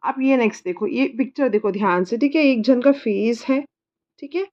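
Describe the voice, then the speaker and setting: A woman's voice: fairly high pitch, moderate pace, dull audio. A woman teaching her child English body words, patiently repeating each word and spelling it letter by letter. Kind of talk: slow spelling lesson.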